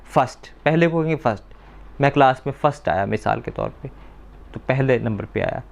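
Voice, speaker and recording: A man teaching a language class for children, patiently repeating words slowly and quizzing the class on answers. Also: medium pitch, expressive, gravelly. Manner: asks the class questions and confirms answers.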